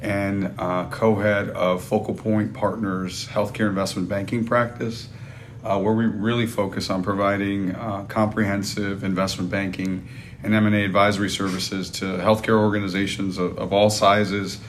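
Low, even-voiced man in a business interview. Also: moderate pace, a little hiss or hum. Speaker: podcast guest, investment banker. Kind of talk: professional interview answers.

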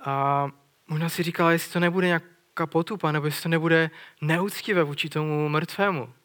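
A man's voice: on the high side, fairly even intonation, fairly bright tone. A man preaching a sermon in an earnest way, retelling a scripture story and putting questions to his listeners.

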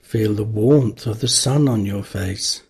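A man narrating a guided meditation, giving calm, gentle instructions with long pauses. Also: lowish voice, breathy edge.

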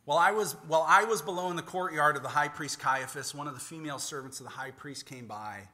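A man preaching in the voice of a remorseful male apostle, retelling his denial haltingly and emotionally. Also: a little high, sharp tone. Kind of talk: dramatized scripture in sermon.

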